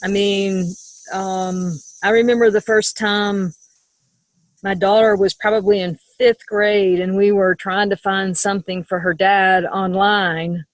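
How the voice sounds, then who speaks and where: A woman's voice: medium pitch, level tone, a little slow, no echo, low-quality recording. Frank middle-aged woman, dry sound. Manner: frank, matter-of-fact, many ums. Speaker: sex educator guest. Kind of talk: interview conversation.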